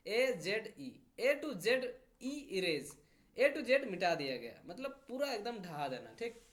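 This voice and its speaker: Lively male grammar teacher. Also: high-pitched. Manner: explains step by step, repeating "theek hai" after each point; reads English examples slowly and deliberately. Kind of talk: grammar lesson.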